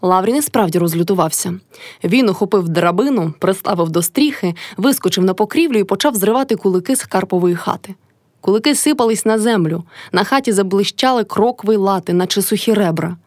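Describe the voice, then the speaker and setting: A woman reading a classic novel aloud in an expressive narrating voice. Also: mid-range voice, brisk, no echo, studio quality. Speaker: reader.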